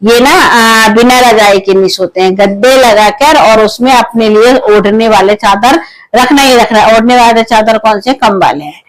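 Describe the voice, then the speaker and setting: A talkative woman from Uttarakhand records a casual home vlog, moving between her rooms and the kitchen. Her voice sits a little high, and she speaks loudly out of habit. She sounds a bit tired and run down from being unwell. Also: normal speed, poor audio. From Uttarakhand, India. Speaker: home vlogger. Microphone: clip-on mic at times, later phone camera without it.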